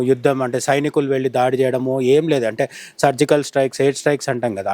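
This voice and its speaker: Heard in a dry recording, a man from India with a warm, mid-range voice comments on the news as an interviewed journalist. He explains things informally in conversation, often rephrasing along the way.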